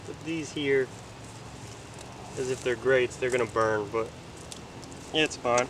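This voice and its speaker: A young man talking casually to the camera on a solo camping trip in a forest, relaxed and chatty, thinking out loud. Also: medium pitch, slow pace, background noise. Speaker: outdoor vlogger. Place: outdoors in a forest campsite. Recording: faint outdoor ambience behind.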